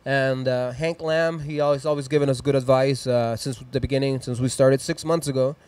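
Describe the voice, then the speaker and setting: This is a smooth, darkish, mid-range voice that moves briskly with fairly even intonation. It belongs to a thirtysomething man with a Mexican accent hosting a live music stream indoors in a small decorated studio, where he chats loosely and gives shout-outs into a handheld mic, upbeat and rambling as he plugs sponsors and socials.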